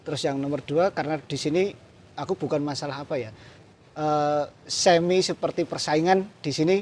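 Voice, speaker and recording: Chuckling frequently, a Javanese-accented puppeteer from Central Java relaxes into a casual interview, blending Javanese with Indonesian. His voice is a little high at a normal speed, with slight background noise.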